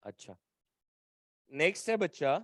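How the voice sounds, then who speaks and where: A man from Bihar teaching physics to a live class, with a high, bright voice. He teases and quizzes the students constantly in a chatty way. The sound is close and dry. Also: sing-song, a little slow, no echo. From Bihar, India.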